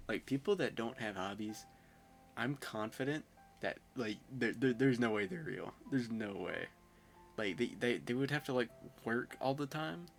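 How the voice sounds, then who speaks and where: A man's voice: medium pitch, gravelly. A young man playing a visual novel, reading the narration aloud and mixing in chatty, self-mocking asides. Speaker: gamer.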